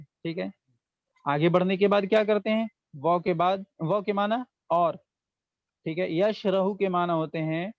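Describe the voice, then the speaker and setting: A man with a fairly high voice gives an online language lesson at a slow, patient pace. He breaks each phrase into single words and repeats every translation. The sound is dry and dull, close to the mic. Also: dry recording. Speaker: Arabic teacher.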